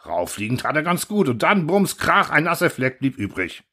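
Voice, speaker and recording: This is a bumbling, eager guard, put on by a male reader, stumbling through a speech and padding it with halting fillers. The voice sits above the reader's own and rises and falls in lively swings. It belongs to a storybook reading. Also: on the high side, husky, pitched above the performer's own voice, full character voice. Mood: earnest rambling. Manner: halting, rambling, full of fillers.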